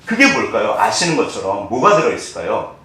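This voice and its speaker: A male pastor delivers a sermon with a lively voice that swings high and low, asking his listeners question after question and acting out the lines he quotes. He is picked up from a distance, and his voice rings through a very echoey church hall. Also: fast talker. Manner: animated, asks the congregation questions, acts out quoted lines. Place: church sanctuary.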